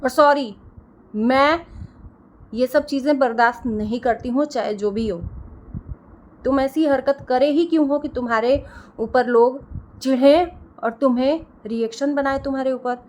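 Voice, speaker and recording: Woman, high pitch, reaction rant, scolding, indignant, repetitive emphasis. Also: measured pace, darkish tone, a little hiss or hum. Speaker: reaction video creator.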